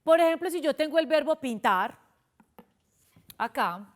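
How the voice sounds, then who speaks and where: A woman's voice: high-pitched, animated, unhurried. A young adult woman with a Colombian accent teaching a spelling lesson to children on a television program, patient and explanatory, often asking them questions. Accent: Colombian Spanish. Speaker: primary school teacher.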